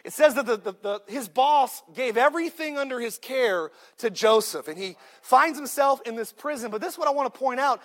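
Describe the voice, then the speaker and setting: A man in his thirties delivers a sermon in a very high voice. He is joking and punchy, and he calls out to the congregation. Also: a little fast, hardly any pauses, a bit bright. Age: 30s. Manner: joking, punchy preaching with call-outs to the crowd. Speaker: pastor.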